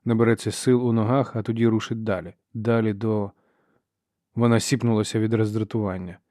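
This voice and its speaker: A man reading a novel aloud as an audiobook narrator, in steady, measured storytelling. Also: fairly low pitch, no echo, studio quality. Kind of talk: scripted narration.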